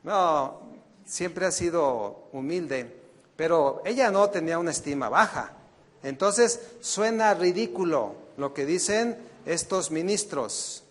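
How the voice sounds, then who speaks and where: A man preaching a sermon as pastor, firing questions at the congregation and swinging between loud emphatic peaks and quiet asides. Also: a little high, lively intonation, slow, big-room sound. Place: church.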